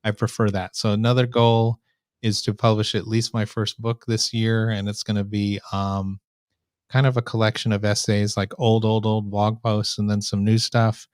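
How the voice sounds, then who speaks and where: Lowish nasal man in casual chat. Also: level tone, moderate pace, darkish tone, clean tone, no room sound, clean studio sound. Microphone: microphone right up close.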